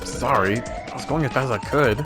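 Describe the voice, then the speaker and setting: A man reads as an earnest young man, the alarmed hero of a video game. The voice sits at a middle pitch, with game music clearly behind it. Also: fairly quick, lightly acted. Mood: concerned. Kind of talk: video game character read-aloud.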